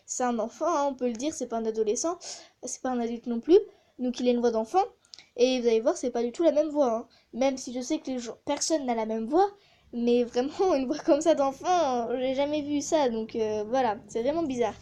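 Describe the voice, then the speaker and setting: A woman's voice: high-pitched, fairly quick, warm tone. A woman chatting casually in a vlog, with many hesitations, reviewing voice changer effects. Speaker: gaming YouTuber testing a voice changer app.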